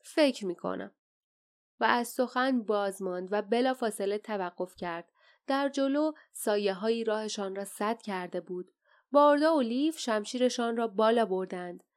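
A woman reads an adventure audiobook in a steady, dramatic storytelling manner. Her voice sits a bit higher than most women's. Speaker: audiobook narrator. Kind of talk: scripted narration.

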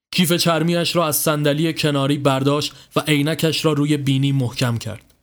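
A man narrating a scripted horror story in a steady, dramatic manner. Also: on the high side. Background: faint music.

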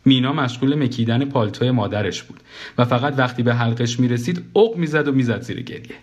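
A man reading a comic first-person story aloud as the narrator, in a dry, wry tone. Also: mid-range voice.

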